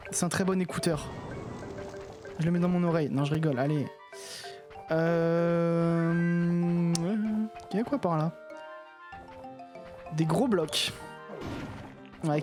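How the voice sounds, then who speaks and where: A woman streamer giving casual, playful commentary while playing a video game, often laughing at her own voices. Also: on the low side.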